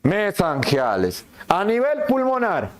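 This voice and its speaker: Male anatomy prof, lively lecture, slightly high voice with big pitch swings, plays both teacher and student. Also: takes it slowly. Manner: asks and answers his own questions, plays the students' lines too.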